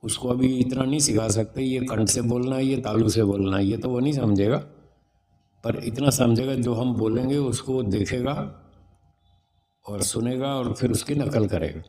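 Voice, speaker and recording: In a religious discourse on raising children, a man speaking as a swami and spiritual teacher explains patiently, sounding out syllables to demonstrate them. His voice is mid-range and mellow at a moderate pace.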